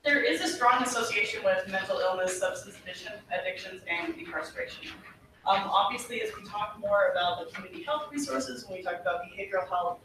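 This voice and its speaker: An earnest policy presenter walks a committee through a briefing, steady and explanatory, with occasional "uh" and "um" as they gather thoughts. The voice sits well back from the microphone in a large, echoing hearing room. A clear layer of room noise runs underneath. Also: medium pitch, fast talker. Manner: earnest, explanatory, frequent fillers. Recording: echoey hearing room from far off, with background noise.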